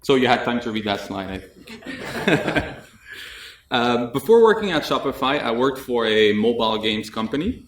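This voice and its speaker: A young man gives a technical conference talk in a relaxed, chatty style, adding light jokes and "uh" fillers. His middle-pitched voice runs at normal speed with frequent pauses, captured by a desk mic a little distance away. The indoor conference room with an audience has a noticeable echo and slight background noise.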